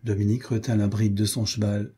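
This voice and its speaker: A man reading a swashbuckling novel aloud as an audiobook narrator, in a measured, expressive way. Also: fairly low pitch, husky. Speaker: audiobook reader. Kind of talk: scripted narration.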